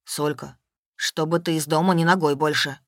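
A woman voicing a protective young man who speaks in a stern, measured way. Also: sits low, lively intonation, no echo, clean studio sound, voice pushed down.

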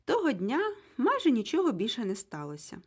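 Husky woman narrating a children's book. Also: on the high side, a little fast. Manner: expressive storytelling. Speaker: audiobook reader.

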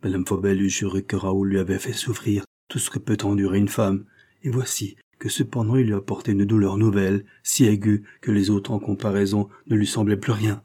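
A man reads a classic novel aloud in a measured, dramatic way. His voice is low and dark, with a husky edge. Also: flat delivery. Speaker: audiobook reader. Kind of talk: scripted narration.

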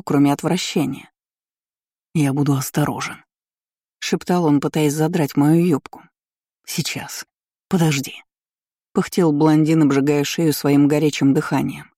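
A woman reading a novel aloud as a first-person narrator, at a measured storytelling pace. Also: low voice, steady tone, warm tone, no room sound, studio quality. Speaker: audiobook reader.

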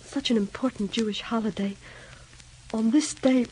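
An actress playing a sad young wife and mother who pleads softly, in 1930s radio drama style. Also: a little high, moderate pace, a little hiss or hum, natural voice, low-quality recording. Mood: subdued. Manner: soft, subdued pleading.

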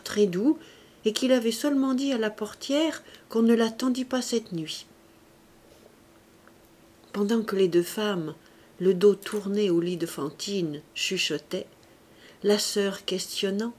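A woman narrating a classic novel as an audiobook, measured and expressive. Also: mid-range voice. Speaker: audiobook reader.

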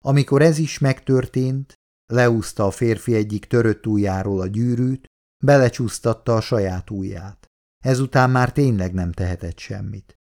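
A man narrating an audiobook in a steady, measured reading voice. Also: fairly low pitch. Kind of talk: scripted narration.

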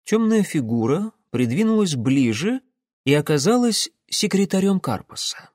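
A man reading an audiobook in a measured, expressive narration, recorded close to the mic. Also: fairly high pitch, no room sound.

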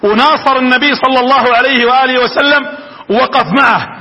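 Fast, high-voiced preacher. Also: male voice, steady tone, sharp tone, rough recording. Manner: fervent, addresses the audience directly. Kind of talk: religious lecture with storytelling.

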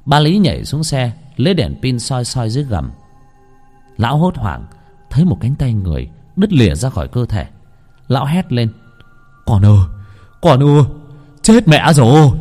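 A man narrating a horror story in a dramatic, expressive way. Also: medium pitch.

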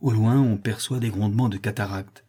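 Low, husky male storyteller. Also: fairly even intonation, fairly quick, warm tone. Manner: dramatic storytelling delivery. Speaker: audiobook reader. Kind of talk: scripted narration.

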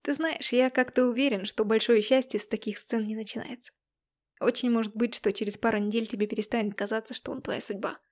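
A wounded, jealous young man talking with visible effort, earnest and strained, as a woman narrator voices him. He is a figure in a romantic audiobook, his voice kept fairly high. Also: fairly even intonation, fairly quick, lightly acted. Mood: hurt.

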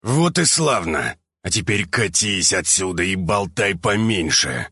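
A man's voice: low voice, big pitch swings, unhurried, sharp tone, husky, dry recording, clean studio sound, exaggerated voice. A man voicing a menacing young male mutant who growls through clenched teeth. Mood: threatening.

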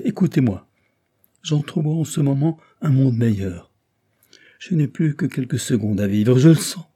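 A man's voice: medium pitch, warm tone, breathy edge. A man voicing a dying young noblewoman, remorseful and devout, with a tremulous, pleading delivery in an audiobook reading.

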